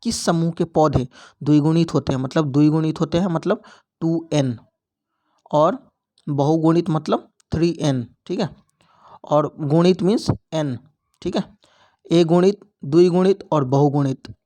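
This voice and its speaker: A man's voice: fairly high pitch, a little slow, warm tone. A young man teaching biology, walking through exam questions and mixing English terms into his explanations.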